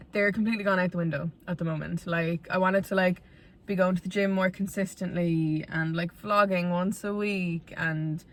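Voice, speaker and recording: A woman in her twenties speaks with a west of Ireland accent in a fairly low voice. She talks like a vlogger confiding in her viewers, casual and candid. Her delivery is conversational and rambling, with a self-deprecating streak. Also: a bit bright. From Galway, Ireland. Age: 20s.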